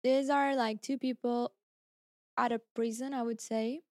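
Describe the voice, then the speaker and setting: Excitable laughing woman co-host. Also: fairly high pitch, measured pace, dry recording, clean studio sound. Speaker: podcast co-host. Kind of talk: casual chat.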